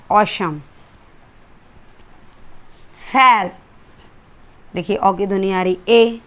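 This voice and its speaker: Woman with an Indian accent, teacher type, slightly high voice, patient step-by-step explainer who leans on rhetorical questions. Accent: Indian English. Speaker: English teacher. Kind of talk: classroom lesson.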